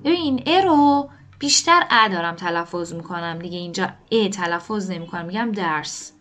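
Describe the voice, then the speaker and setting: A woman teaching a language lesson, explaining pronunciation to learners and slowly repeating example words. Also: fairly low pitch, animated, fairly bright tone. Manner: slow drawn-out repetition of example words.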